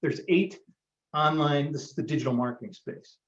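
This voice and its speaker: A man's voice: fairly high pitch, normal speed. A man hosting a live online marketing workshop, giving a motivational pep talk with frequent ums. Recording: roomy, dull lo-fi sound.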